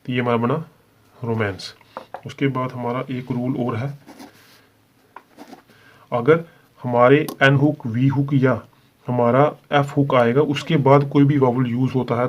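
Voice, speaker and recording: A man with a Hindi accent teaches shorthand step by step in a mid-range, steady voice at a measured pace. He explains patiently, checking in often with "theek hai" (ठीक है). The lo-fi recording sounds slightly dull.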